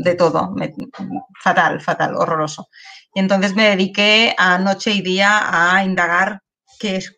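A woman's voice: fairly low pitch, a bit bright. A woman, a guest in an interview, speaking candidly and emotionally with many restarts and tag questions. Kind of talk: personal testimony in an interview.

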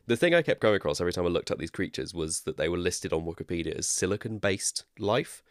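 A man's voice: deep voice, lively intonation, fast talker, dry recording, clean studio sound. A man with a West Country accent co-hosting a podcast, explaining in a rambling, chatty way and laughing at himself. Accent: West Country English. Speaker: podcast co-host. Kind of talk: casual chat.

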